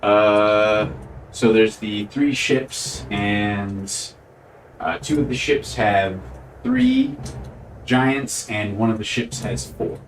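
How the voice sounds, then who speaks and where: Male game master, lowish voice, descriptive fantasy narration, slightly distant mic, clear music bed. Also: animated, extremely slow. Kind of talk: narrating a tabletop role-playing game.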